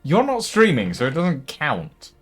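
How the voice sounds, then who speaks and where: A man's voice: fairly high pitch, huge pitch swings, unhurried, soft background music. A man chatting casually while gaming, complaining in a theatrical, mock-indignant way. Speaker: gamer on a co-op stream. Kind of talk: casual game chat.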